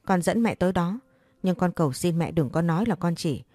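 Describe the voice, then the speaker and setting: Woman doing a vindictive middle-aged mother, loud, sneering, low-pitched, dry close sound. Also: animated, brisk, dry recording. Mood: indignant.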